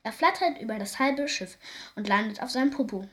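A woman reading a children's story aloud in a lively, expressive way. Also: fairly high pitch, fairly quick.

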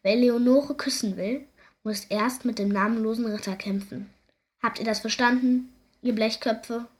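A woman doing a fearless young princess in knight disguise, proud, commanding, fairly high voice. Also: steady tone, normal speed, close to an everyday voice.

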